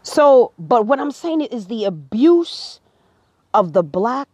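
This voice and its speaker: A woman's voice: fairly high pitch, very animated, takes it slowly, darkish tone, dry recording. An American woman giving impassioned social commentary as a live-stream host, preachy and emphatic, talking straight to her viewers. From United States. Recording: dull lo-fi dry sound.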